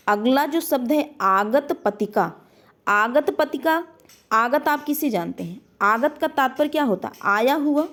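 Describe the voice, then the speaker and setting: A woman teaching a grammar lesson for exam preparation. She asks a question, then answers it herself, and repeats key words slowly. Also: on the high side.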